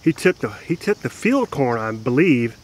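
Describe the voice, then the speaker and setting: A man in his thirties hosting a fishing vlog, talking earnestly and casually to viewers with many filler pauses. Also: mid-range voice, very animated, a little hiss or hum. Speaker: fishing channel host. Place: outdoors at a riverbank.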